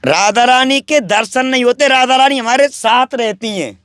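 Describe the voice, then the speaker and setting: Brief: man, very high voice, dry close sound, boastful preachy holy man. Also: normal speed, fairly bright tone, smooth, dry recording. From Braj region, India. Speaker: wandering sadhu interviewed. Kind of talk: rambling spiritual talk.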